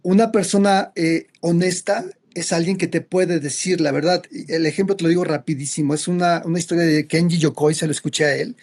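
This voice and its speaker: A man's voice: on the high side, fairly even intonation, a little fast, hardly any pauses, a little mellow. A man, a psychologist explaining ideas conversationally, with frequent restarts. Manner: storytelling, acts out quoted characters. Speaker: psychologist guest.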